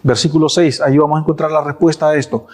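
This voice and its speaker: A man's voice: fairly high pitch, fairly even intonation, quick pace, a little mellow. A man preaching a sermon as pastor, emphatic, repeating phrases for stress and posing rhetorical questions. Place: church.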